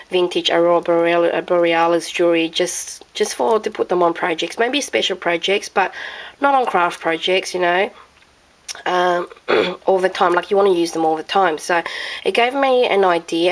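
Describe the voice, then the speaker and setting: An Australian woman talks through her craft projects in a hoarse, croaky voice. Her pitch sits on the low side. She rambles casually, full of ums and half-started words. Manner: rambling, many ums and restarts. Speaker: crafting vlogger. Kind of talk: casual show-and-tell chat.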